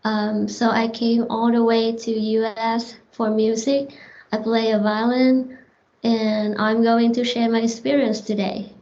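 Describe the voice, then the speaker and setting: A woman's voice: a little high, level tone, a little slow, darkish tone. A young woman, a student panelist speaking carefully. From Vietnam. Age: young adult. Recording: slightly dull call audio.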